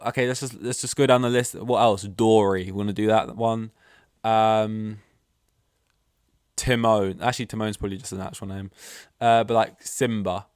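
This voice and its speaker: A man's voice: on the low side, steady tone, normal speed, smooth, no echo, studio quality. A young man hosting a solo podcast from home, rambling offhandedly and swearing casually. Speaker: podcast host. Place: at home with his dog. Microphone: desk mic, plugged in.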